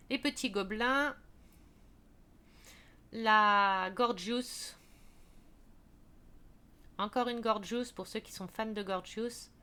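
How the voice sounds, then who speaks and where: A woman's voice: a little high, fairly bright tone. A woman casually walking viewers through a craft shop's products, chatty with many fillers and restarts. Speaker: craft video creator.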